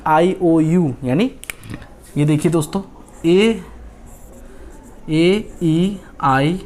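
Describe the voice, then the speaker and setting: A man's voice: high voice, a little mellow. A man teaching how to read English, explaining patiently, spelling words out letter by letter and often checking that the listener follows. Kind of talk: spoken English reading lesson.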